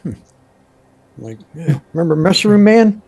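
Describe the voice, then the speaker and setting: Male player at a game table, fairly high mellow voice, casual and offhand. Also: lively intonation, unhurried.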